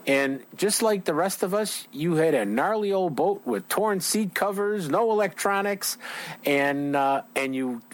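A man's voice: high voice, animated, unhurried. Guy hosting an outdoors show, chatty and rambling, easygoing casual interview.

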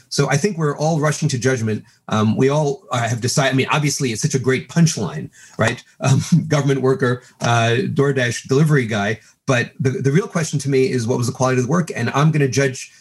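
A man's voice: mid-range voice, husky. A man who is a professor, giving thoughtful commentary as a guest on a talk show. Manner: thoughtful, analytical.

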